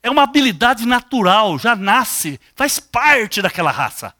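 An older Brazilian preacher delivers a sermon with a lively, swooping pitch and a bright, forceful tone. He fires questions straight at his listeners. The sound is dry and close. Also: measured pace, dry recording. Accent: Brazilian Portuguese. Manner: animated, questions the congregation directly.

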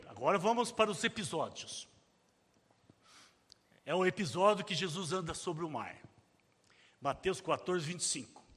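Animated high-pitched preacher in a reverberant hall. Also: male voice. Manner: dramatic, shouting out quoted cries. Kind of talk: sermon.

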